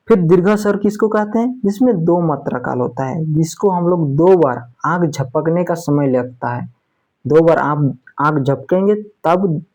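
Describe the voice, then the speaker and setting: Mellow-voiced Sanskrit teacher. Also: mid-range voice. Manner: asks questions and answers them, often adds "theek hai"; draws out example sounds slowly. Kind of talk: spoken grammar lesson.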